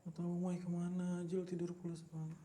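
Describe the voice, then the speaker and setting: A woman's voice: fairly low pitch, monotone, fast talker, mellow, a little hiss or hum, lightly acted. A young woman in a film drama, timid and pleading as she asks a friend for help at night. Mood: scared. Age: young adult.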